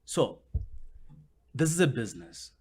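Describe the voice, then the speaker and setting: A man's voice: mid-range voice, big pitch swings, a little slow, husky. A man, a guest on a podcast interview, explaining his points at length and often circling back with "which basically means".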